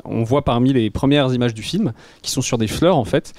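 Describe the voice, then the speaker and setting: A man with a French accent from France, giving a casual, halting film review as a columnist. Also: medium pitch, darkish tone, dry recording. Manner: hesitant, halting explanation.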